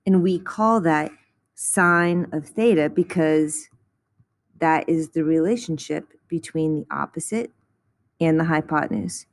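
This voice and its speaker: A woman's voice: sits low, unhurried. A woman teaching a recorded math lesson, patiently explaining each step in a close voice-over.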